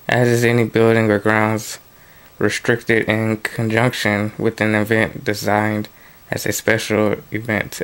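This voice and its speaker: A political commentary vlogger, a man with a low, flat voice, reads news articles aloud and adds casual commentary. His plain reading is broken up by offhand asides and restarts.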